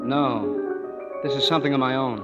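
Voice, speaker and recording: A man in his twenties with a mid-range, natural voice speaks at normal speed, playing a cynical young musician who fires off dry, sarcastic wisecracks in a 1930s radio play. His mood is sardonic. The recording sounds like a dull old radio broadcast, with long hall reverb and music behind him.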